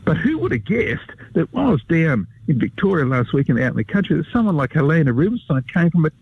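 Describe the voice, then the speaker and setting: A man's voice: fairly high pitch, very animated, quick pace, creaky, breathy edge, phone-quality sound. A man with an Australian accent telling local history stories on live radio in a chatty, leisurely way. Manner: chatty, leisurely storytelling with asides to the host. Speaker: history storyteller, regular guest.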